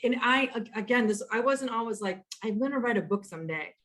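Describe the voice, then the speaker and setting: A woman in her fifties, a podcast guest telling stories in an animated way, often quoting herself and restarting sentences, over a video call. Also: a little high, fairly quick. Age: 50s. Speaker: guest, author and entrepreneur. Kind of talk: conversational storytelling.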